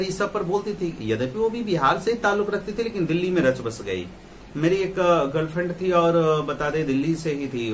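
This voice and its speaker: A man teaching pronunciation in a lecture, his pitch sitting a bit high and swinging widely as he explains. He spells out sounds one at a time and poses rhetorical questions to his listeners. A faint hiss of background noise sits under the voice. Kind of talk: spoken lecture.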